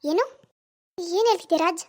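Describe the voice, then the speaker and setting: A woman's voice: very high voice, moderate pace, a little mellow. A woman voicing a heartbroken young wife in a cartoon, tearful and resigned. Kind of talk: animated cartoon dialogue.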